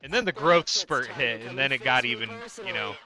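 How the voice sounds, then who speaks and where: A man chatting casually during a game stream, laid-back and profane, quick to laugh along. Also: medium pitch, animated, music in the background, poor audio. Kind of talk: casual chat while gaming.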